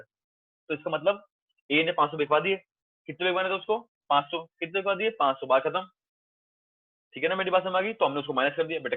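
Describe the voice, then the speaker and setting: A man's voice: fairly high pitch, dry recording. A male commerce teacher, lecturing a class in a coaxing, reassuring way and repeating points often. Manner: coaxing, calls students 'beta', reassuring and repetitive. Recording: dry, tinny phone-like sound.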